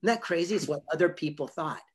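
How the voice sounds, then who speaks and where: Speaking quickly and on the high side, a husky man in his fifties shares motivational anecdotes with emphasis during an online interview, voicing the dialogue himself. He's an author and motivational speaker, seated in a home office with a memorabilia wall and heard through a computer mic on a video call.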